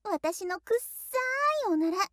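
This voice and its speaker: A woman's voice: very high-pitched, moderate pace, a little mellow, no room sound, studio quality. A woman voicing a teasing, playfully cruel young female shrine maiden in an audio role-play drama, speaking politely in a sing-song tone.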